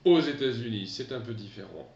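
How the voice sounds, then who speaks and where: A man in his fifties teaching an English lesson to pupils over a remote class, pausing often with fillers and having them repeat after him. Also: mid-range voice, animated, gravelly, a little mellow, far from the mic, muffled recording. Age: 50s. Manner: hesitant, repeats words for pupils to echo.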